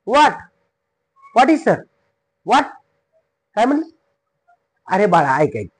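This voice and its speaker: A man's voice: high-pitched, sing-song, extremely slow, breathy edge, rough recording. A man with a Marathi accent teaches English pronunciation in a classroom style. He spells words out letter by letter, drills each word again and again, and playfully scolds wrong answers.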